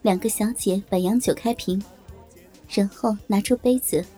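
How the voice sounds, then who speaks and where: A woman telling a story in the first person, in a colloquial, brisk storytelling manner. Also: mid-range voice, warm tone, soft background music. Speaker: narrator.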